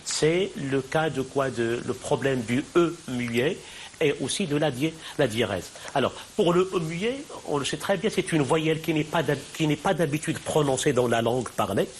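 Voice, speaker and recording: Male university lecturer, slightly high voice, stop-start delivery with rhetorical questions, faint hiss behind. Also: lively intonation. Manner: halting, repeats words, asks rhetorical questions.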